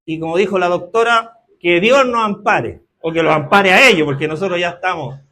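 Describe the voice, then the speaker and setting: A man's voice: high-pitched, fairly quick, bright, forceful tone. A man preaching a sermon, often asking the congregation for agreement.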